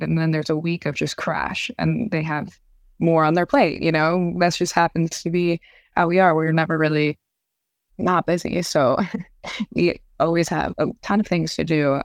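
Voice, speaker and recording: A woman's voice: sits low, vocal fry, no room sound, clean studio sound. A woman in casual podcast chat, reflective and thinking aloud. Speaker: podcast co-host.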